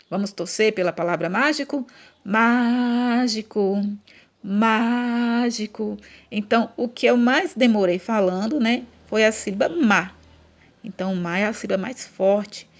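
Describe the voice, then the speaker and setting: A woman with a Brazilian Portuguese accent teaches children a grammar lesson in a medium-pitched voice. She speaks patiently and draws out the syllables as she chants example words.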